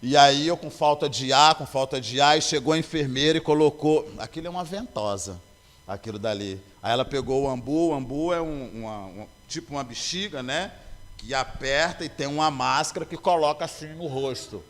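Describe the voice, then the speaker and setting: A man's voice: mid-range voice, brisk, a bit bright. A man gives a personal testimony before a congregation. He tells the story earnestly, voicing each exchange as he goes. His mid-range voice carries a long reverb from the church sanctuary. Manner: earnest storytelling, acting out dialogue. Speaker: church member giving testimony.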